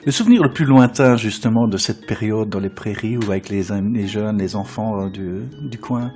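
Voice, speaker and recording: A man hosting a conversational radio interview, asking drawn-out, hesitant questions and echoing what he hears. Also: lowish voice, warm tone.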